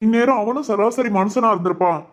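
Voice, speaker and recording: A man playing a concerned village husband who speaks in a calm, matter-of-fact way. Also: high-pitched, fast talker, close to an everyday voice.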